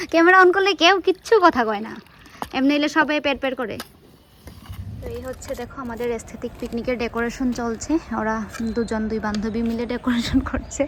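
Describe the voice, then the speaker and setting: With a Bengali accent and a high-sitting voice, a woman vlogs while cooking at home, keeping up a chatty, teasing running commentary. The casual narration moves between her home kitchen and outdoor yard, with slight background noise.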